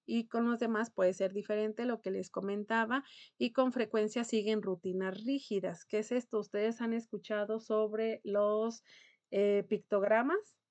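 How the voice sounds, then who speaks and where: A woman's voice: medium pitch, a little mellow, dry recording. Woman teacher running a casual lecture, explains with examples, checks in with the class often. Mid-range voice, dry room. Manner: conversational, explains with examples and rhetorical questions.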